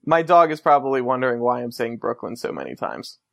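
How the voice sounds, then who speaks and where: A man's voice: mid-range voice, big pitch swings, brisk, vocal fry, a bit bright, no echo, studio quality. A man hosting a call-in talk show, chatting casually in a hesitant, rambling way.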